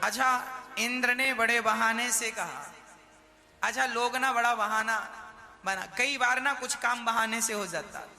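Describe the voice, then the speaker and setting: Man, very high voice, slow, devotional storyteller, humorous, long hall reverb, music. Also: fairly even intonation, bright, forceful tone. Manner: humorous folk storytelling, acts out characters. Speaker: religious storyteller. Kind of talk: devotional discourse with Sanskrit chanting.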